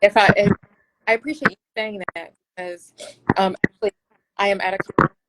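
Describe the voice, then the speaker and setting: A woman speaking as a guest researcher in a casual interview, earnest and thoughtful, often pausing and restarting her sentences. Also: medium pitch, fairly even intonation, fairly bright tone, dry recording, low-quality recording.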